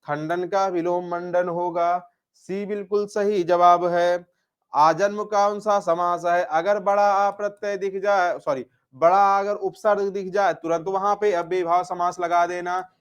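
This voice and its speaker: Unhurried and steady, a man with a high-pitched, clean voice teaches Hindi grammar, though the recording is muffled. He works through exam questions, repeating each answer, asking "क्या?" then answering himself, and giving students affectionate nicknames.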